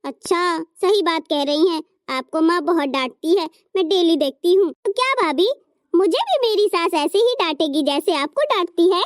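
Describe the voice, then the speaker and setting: A sweet, outspoken teenage girl in a cartoon family drama, as a woman voices her. She pleads her case earnestly in a very high voice. The recording is dry and close. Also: lively intonation, moderate pace, no room sound. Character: sweet teenage sister-in-law, kind and outspoken. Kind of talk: cartoon story voice acting.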